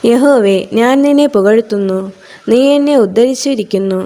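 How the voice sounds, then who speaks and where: A woman reading scripture aloud for meditation in a calm, measured way. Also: fairly high pitch. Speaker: Bible reader.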